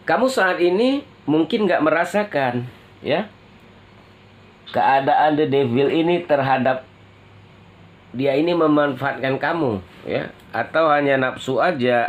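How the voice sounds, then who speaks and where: A man doing a tarot reading for an online audience, speaking at a very unhurried pace. He calls his viewers friends and checks in with them after almost every short phrase. His voice sits at an ordinary pitch, and he clears his throat from time to time. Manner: slow, drawn-out delivery with constant "ya" tag questions. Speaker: tarot reader.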